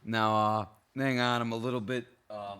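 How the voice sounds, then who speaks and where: A drunk sports fan vlogger rants casually about a football game, cursing a lot, getting heated and rambling off topic. His hoarse, worn-out voice cracks, yet beneath it the sound stays smooth and clear, with a bright, forceful tone. He speaks at medium pitch and normal speed with fairly even intonation.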